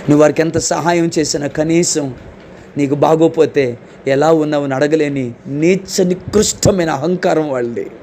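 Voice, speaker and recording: A man preaches with passion, and his fairly high voice climbs higher for pleading, repeated questions. He keeps calling out hallelujah and amen to his congregation. A faint hiss of noise sits under the recording. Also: moderate pace, dark tone. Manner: fervent, rising to high emphatic questions; calls out hallelujah and amen often. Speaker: pastor. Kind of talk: sermon. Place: church.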